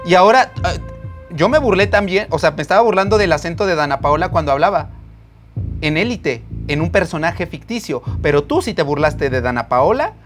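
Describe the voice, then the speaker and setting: Un hombre con acento mexicano que comenta y replica con sarcasmo a unos clips, como médico que hace vídeos de reacción. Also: male voice, on the high side, animated, a little fast. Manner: sarcastic, retorting. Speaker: YouTuber doctor reacting to clips. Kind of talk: reaction commentary. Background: music.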